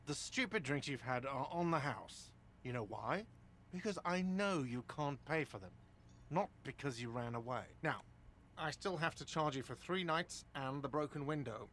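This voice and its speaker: An actor playing a curt, sarcastic hostel manager in a video game. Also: male voice, medium pitch, expressive, moderate pace, fairly bright tone, a little hiss or hum, natural voice. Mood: grumpy. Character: grumpy, sarcastic middle-aged male hostel manager.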